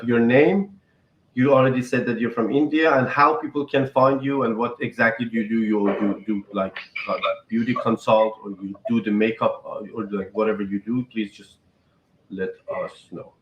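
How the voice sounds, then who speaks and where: A man from Iran hosting a live podcast stream, chatting casually and haltingly with guests and viewers. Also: medium pitch, steady tone, roomy sound, lo-fi sound.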